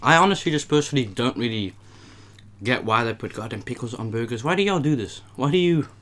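A medium-pitched, slightly bright voice belongs to a young man who talks fast and animatedly as host of a casual eating video. He chats in relaxed slang between bites, indoors in a small, warm attic.

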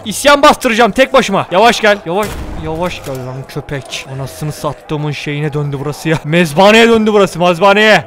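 A young Turkish-accented man, his voice sitting unusually high for a man, talks through a game. He swings between yelling at characters on screen and muttering slangy asides. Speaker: gaming video host. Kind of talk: excitable let's-play commentary.

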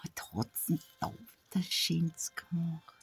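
A woman's voice: sits low, animated, slow, gravelly, husky. A woman opening an advent calendar gift, musing to herself and reading labels aloud, often half-whispered. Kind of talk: casual unboxing chat. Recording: soft background music.

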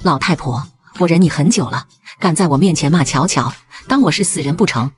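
A woman's voice: low-pitched, animated, a little fast, pitched below the performer's own voice. A woman voicing a cold, sarcastic mother confronting her mother-in-law. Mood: cutting. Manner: sarcastic and cutting.

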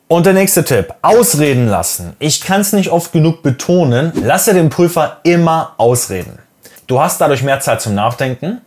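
A man who teaches English, giving direct, encouraging tips for an oral exam in a lesson video. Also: mid-range voice.

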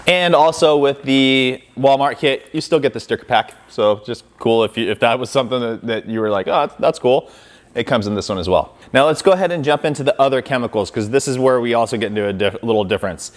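A man's voice: mid-range voice, animated, fast. A man in his thirties hosting a car detailing channel, talking casually through a product comparison with lots of fillers, recorded in a garage workshop on a lapel mic. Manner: conversational, filler-heavy, demonstrative with hands.

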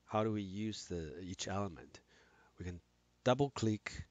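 A man with a deep, low voice walks through a software tutorial at his computer. He talks haltingly, restarting phrases and filling gaps with "uh". The recording is dry, with no room echo. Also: animated. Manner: halting, frequent restarts and fillers. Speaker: instructor.

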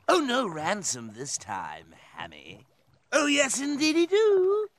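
An actor voicing a manic, theatrical male clown supervillain in an animated series, giggling and swinging from purrs to shrieks. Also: very high voice, slow, full character voice. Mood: gleeful menace. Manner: giggling, sing-song, swings from purring to shrieking. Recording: loud cartoon soundtrack music under the voice. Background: orchestral score and sound effects.

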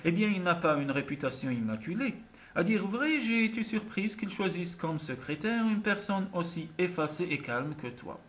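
A woman's voice: on the low side, animated, normal speed, lightly acted. A man reading an audiobook, voicing a confident, teasing young woman singer who is set on getting what she wants. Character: self-assured ambitious young woman singer. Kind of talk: audiobook character voice.

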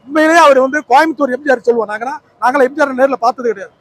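A man's voice: very high-pitched, racing, poor audio. A man with a Tamil Nadu accent, a mimicry artist, speaking with feeling in a tribute at a memorial gathering. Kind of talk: emotional tribute speech.

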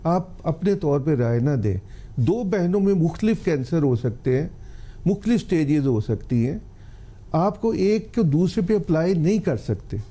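A man's voice: fairly high pitch, lively intonation, normal speed, mellow. An older man, a cancer specialist on a TV health talk show, giving earnest, pleading advice to the public. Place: TV studio.

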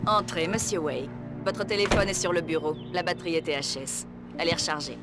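A woman playing a brisk, businesslike small-town sheriff in a video game. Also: lowish voice, loud music behind the voice, close to an everyday voice.

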